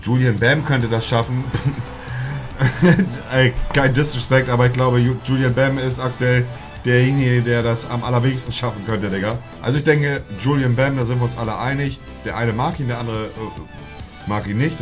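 Streamer, young man, mid-pitched voice, slangy live-stream chat over faint game music, breaks into loud shouts at big pulls. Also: fairly even intonation, normal speed. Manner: slangy, says "Digga" constantly, bursts into shouting at good pulls. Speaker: streamer opening FIFA packs. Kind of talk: casual live-stream commentary.

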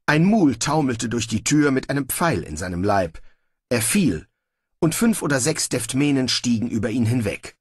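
A man giving scripted audiobook narration with lively storytelling. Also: medium pitch, moderate pace, husky, no room sound, clean studio sound.

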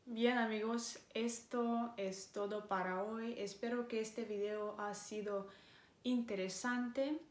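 A woman in her twenties from Moldova with a Moldovan accent and Romanian as her first language, talking casually to camera as a vlogger in a careful, deliberate way with small pauses. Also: a little high, fairly even intonation. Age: 20s. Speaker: vlogger and English teacher. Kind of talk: casual vlog talk to camera. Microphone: camera mic. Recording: echoey room.

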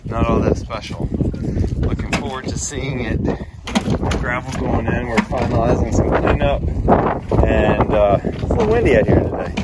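A man giving a casual walkthrough of a backyard pond build, talking plainly and explaining as he goes. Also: medium pitch. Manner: plain, explanatory, loose restarts. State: out of breath. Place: outdoor backyard construction site. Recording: outdoor recording with wind noise.

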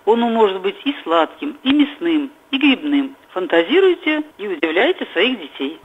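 A woman's voice: mid-range voice, moderate pace. A woman reading scripted cooking advice as a voice-over, in an advising manner. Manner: advising, lively delivery. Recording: dull lo-fi recording.

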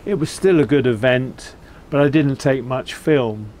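A man's voice: medium pitch, measured pace, darkish tone. An older man with an English accent, chatting casually and plainly to camera as he hosts a vlog about his trip. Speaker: vlog host. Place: outdoors, seated beside a narrowboat. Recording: clear outdoor ambient noise.

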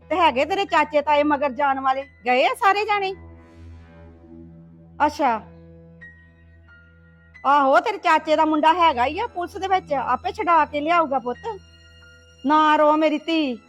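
An actress playing an anxious village mother, sighing and pleading as she comforts her crying daughter. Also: sits high. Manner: wailing sighs, pleading and comforting. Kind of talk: web series acting.

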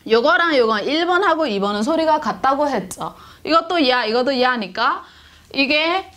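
A woman teaching a language lesson, repeating each syllable slowly for drilling. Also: high-pitched, a bit bright.

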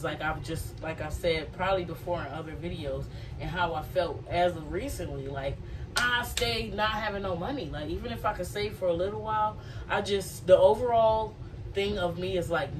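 A woman's voice: lowish voice, recorded from a distance, noisy background. A woman in her thirties chatting to camera in a small home kitchen in a loose, reflective, rambling way. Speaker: vlogger. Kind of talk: casual chat to camera while cooking. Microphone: phone camera propped on counter.

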